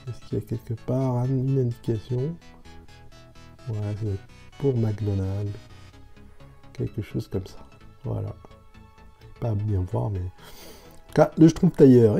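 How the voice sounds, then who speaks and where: A man's voice: medium pitch, gravelly, dark tone, husky. A man chatting casually as he unboxes toys, thinking aloud and describing each figure in detail. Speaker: toy reviewer.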